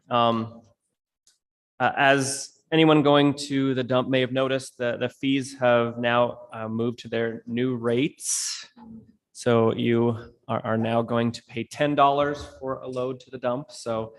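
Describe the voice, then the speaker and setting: A man's voice: medium pitch, flat delivery, takes it slowly. Casual man at a council meeting. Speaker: council member.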